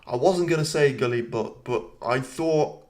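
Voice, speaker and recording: A man's voice: medium pitch, measured pace, a little mellow. Chatty man hosting a live stream. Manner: chatty, reads viewer comments aloud and answers them; self-deprecating, rambling asides. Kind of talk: casual live commentary and chat reading.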